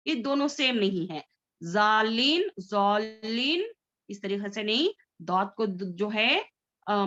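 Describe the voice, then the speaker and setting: A woman teaches a Tajweed recitation class, patiently stretching out letter sounds and frequently checking that her students are following. Her voice is fairly high and fairly bright, though the recording's highs are cut off.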